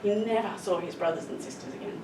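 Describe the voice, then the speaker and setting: A woman's voice: mid-range voice, quick pace, a little mellow. A middle-aged woman giving an explanatory public presentation as a conservation scientist, telling the story in an earnest, emphatic way. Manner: earnest, emphatic with stressed adverbs. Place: echoey room, recorded from a distance. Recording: roomy echo, distant mic, clear background noise.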